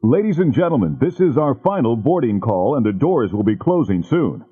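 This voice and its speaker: A man making a formal recorded boarding announcement, played over a loudspeaker, speaking in a slow and measured way. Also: mid-range voice, big pitch swings. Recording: lo-fi, tinny archive clip with music.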